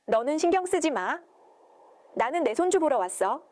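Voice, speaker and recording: Woman reading as a cold older mother-in-law, curt, icy, high-ish voice, dry sound. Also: very animated, normal speed, darkish tone, no echo.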